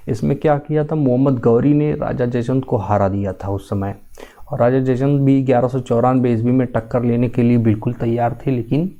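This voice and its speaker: Guy doing an exam prep history class, calm explaining, repeats stuff, kinda muffled lo-fi audio. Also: medium pitch, vocal fry. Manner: explanatory, steady, repeats key facts. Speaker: teacher.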